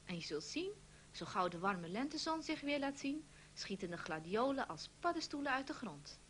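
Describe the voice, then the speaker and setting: A woman voicing a good-natured, unflappable husband who teases and coaxes in a brighter voice, reading a children's story. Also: big pitch swings, moderate pace, slight background noise. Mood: cheerful. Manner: upbeat and coaxing, a bit louder and higher.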